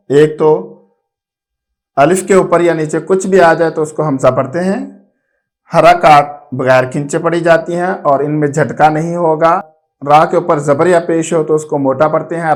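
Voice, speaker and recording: A man teaching a Quran reading lesson, explaining patiently and slowly drawing out letter sounds to demonstrate them. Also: fairly high pitch. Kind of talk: instructional lesson.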